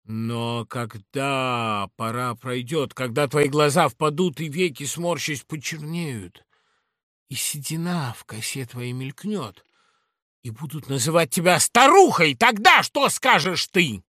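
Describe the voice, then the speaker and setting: A jealous, hot-blooded young nobleman, as a reader puts him on, his speech rising and falling with feeling. The voice is bright and clear, recorded close and dry, in a slow, weighty dramatic verse reading. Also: on the high side, expressive, no room sound, voice pushed up, exaggerated voice. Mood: brooding. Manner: brooding, then challenging.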